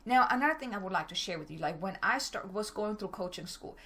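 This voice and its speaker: With a mid-range, expressive voice and a sharp tone, a middle-aged German woman coaches on business in a motivational talk. Her German-accented delivery is rapid and direct, with some stumbling.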